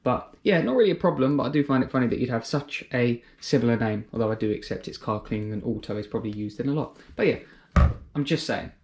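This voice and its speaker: A man's voice: medium pitch, fast, a little mellow, muffled recording. A man giving a casual product review, chatty and thinking aloud as he explains. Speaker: car care reviewer.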